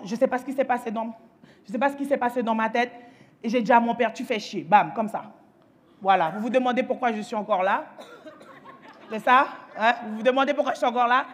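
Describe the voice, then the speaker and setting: A young woman performing stand-up comedy on a festival stage, talking straight to the crowd and acting out the people in her stories. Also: high voice. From France. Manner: lively, addresses the audience directly, acts out dialogue. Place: festival stage before a live audience.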